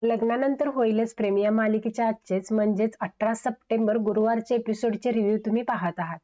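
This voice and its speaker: A woman's voice: a little high, a little fast, faint music behind. Woman recapping a TV episode. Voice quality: steady retelling. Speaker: TV serial reviewer. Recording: dull lo-fi recording.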